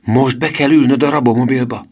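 Male reader as a brash young boy, high and loud, storybook. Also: fairly even intonation, close to an everyday voice. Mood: cheeky. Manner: loud, cheeky. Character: cheeky street boy.

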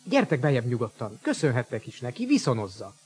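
A calm, husky young man. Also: medium pitch, heavily acted. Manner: calm, instructing. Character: resolute young man, the scientist's son. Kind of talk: radio play acting.

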